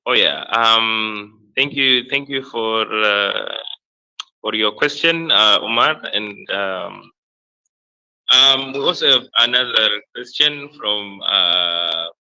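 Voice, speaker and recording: A man moderating an online Q&A with a low, very bright and smooth voice. He speaks very slowly and hesitantly, filling his pauses with "um" and "uh" as he reads out audience questions. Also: rough recording. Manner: hesitant, filler-heavy, unhurried.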